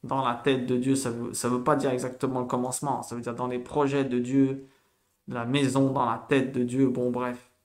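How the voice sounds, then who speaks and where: A man giving a casual spoken lesson, animated and repetitive, spelling out sounds slowly for learners. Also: medium pitch. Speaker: Hebrew teacher.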